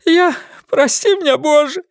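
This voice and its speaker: A man's voice: very high-pitched, a little slow, vocal fry, no room sound, clean studio sound, voice pushed up, exaggerated voice. A man voicing a cowardly fake preacher who sobs and begs frantically under torture. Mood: desperate pleading. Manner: sobbing, frantic pleading.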